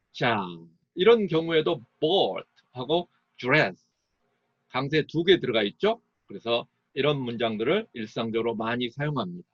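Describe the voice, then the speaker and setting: A man teaching in a recorded lecture, reading out example sentences slowly and deliberately with marked stressed beats. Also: on the high side, fairly bright tone, no room sound, dull audio. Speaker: English teacher.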